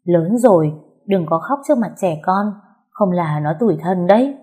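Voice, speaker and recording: A woman's voice: lowish voice, animated, moderate pace, warm tone, husky. A woman voicing a caring older country mother who comforts her grown daughter in a told story. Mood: soothing. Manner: soothing, motherly.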